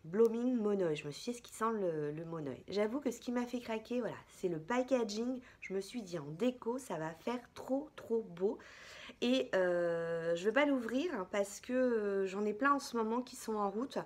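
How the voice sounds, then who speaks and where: A woman's voice: mid-range voice, moderate pace, a little mellow. A woman beauty vlogger chatting casually through a product haul, chatty and hesitant, with many fillers.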